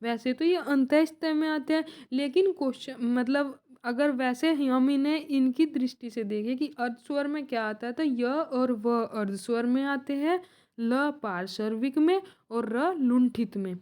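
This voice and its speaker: A woman's voice: sits high, darkish tone. A young woman teaching an exam-prep grammar lesson, who asks a question and then answers it herself. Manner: slow, repeats points as questions and answers.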